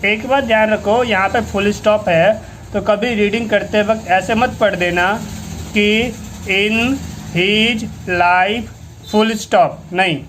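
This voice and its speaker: Slow, high-voiced man spelling out words. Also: steady tone, fairly bright tone, slight background noise. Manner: spells words out letter by letter, drawing syllables out slowly; patient, repeats each word several times. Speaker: English teacher. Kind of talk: reading lesson.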